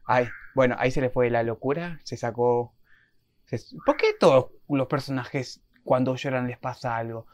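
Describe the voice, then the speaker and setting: A man's voice: medium pitch, normal speed, a little mellow. A young man with a Rioplatense Argentine accent giving casual reaction commentary, shrieking, laughing and talking straight to the characters on screen. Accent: Rioplatense Spanish. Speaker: reaction vlogger. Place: home room, series audio playing behind.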